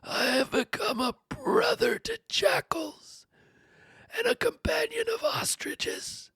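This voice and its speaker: A woman's voice: very high voice, very animated, takes it slowly, gravelly, a bit bright, no room sound, exaggerated voice. Job, anguished suffering man, voiced by a woman. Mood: lamenting. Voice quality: tearful, breaking into whispers and cries. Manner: anguished pleading, dramatic swings. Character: suffering old man Job, lamenting, despairing. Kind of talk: dramatic scripture reading.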